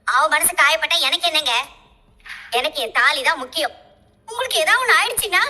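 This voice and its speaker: A piercing, very high voice of a frightened middle-aged mother, as a woman reads her lines, pleading and demanding in a dramatic serial scene. Her tone is bright and cutting, and a long echo hangs behind her. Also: sing-song, a little fast, full character voice. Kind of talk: dramatic serial dialogue retelling.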